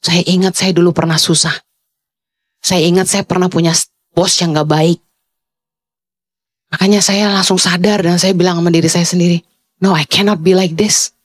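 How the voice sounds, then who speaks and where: A woman pastor delivering a sermon at a fast clip. Her high, soprano-like voice makes her sound almost angry as she preaches, and she drops English phrases in between. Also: flat delivery, husky.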